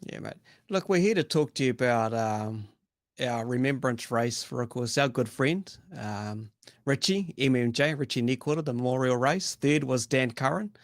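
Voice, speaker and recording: A man's voice: medium pitch, expressive, normal speed, dry recording, clean studio sound. A man with a broad New Zealand accent chatting casually and slangily as co-host of a live racing show. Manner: blokey, slangy, matey. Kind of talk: casual live-stream chat.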